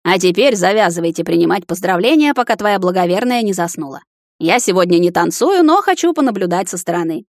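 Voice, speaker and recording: A woman voicing a cheerful, teasing young male prince in an audiobook, loud and mocking. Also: fairly low pitch, expressive, a little fast, no echo, studio quality. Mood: jaunty. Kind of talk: audiobook character voice.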